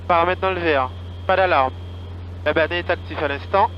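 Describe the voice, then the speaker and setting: Male pilot, somewhat high voice, checklist callouts, dull cockpit sound, faint engine noise. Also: fairly quick. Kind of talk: calling out flight checklists and radio calls. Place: small aircraft cockpit in flight.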